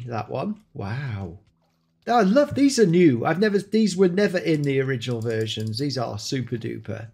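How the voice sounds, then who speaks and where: In a husky, mid-range voice, a man gives excited commentary while hosting a gameplay showcase, letting out frequent exclamations as he shows off the new creatures.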